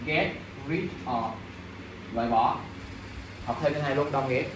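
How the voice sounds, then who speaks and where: A man's voice: medium pitch, moderate pace, background noise. A young man teaching English vocabulary in class, drilling pronunciation and quizzing students with exasperated asides. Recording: echoey classroom from a distance.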